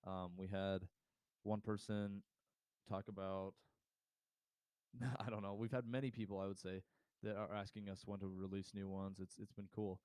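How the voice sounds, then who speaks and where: Young male podcast co-host, low smooth voice, dry close sound, loose rambling delivery. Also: flat delivery, normal speed, pauses often, darkish tone, no room sound. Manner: rambling, laughs often, restarts. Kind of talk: casual podcast chat.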